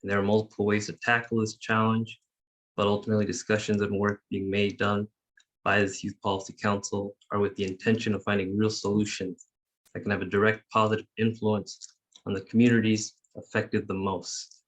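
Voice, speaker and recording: Brief: male meeting host on a video call, very low voice, steady and formal. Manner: measured, formal, reads prepared remarks. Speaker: youth council facilitator. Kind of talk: leading an online meeting.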